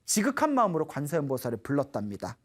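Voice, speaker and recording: A woman who is a Buddhist nun gives a dharma talk to a studio audience, telling stories in an animated way and putting questions to her listeners. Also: low-pitched, fast.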